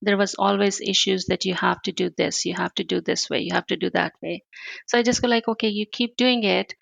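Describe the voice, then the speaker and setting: A woman from India with an Indian accent, a guest in an interview, telling her story in a lively way and acting out the dialogue. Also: fairly low pitch, a little fast, gravelly, no echo. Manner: animated storyteller who acts out dialogue. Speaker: guest, spa owner.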